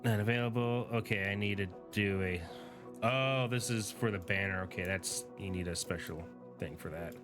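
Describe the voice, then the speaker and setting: A tired young man with a fairly low voice chats his way through a game stream, rambling and thinking aloud. Game music plays clearly behind him. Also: normal speed. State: tired, yawning. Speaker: gaming streamer. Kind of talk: casual gameplay commentary.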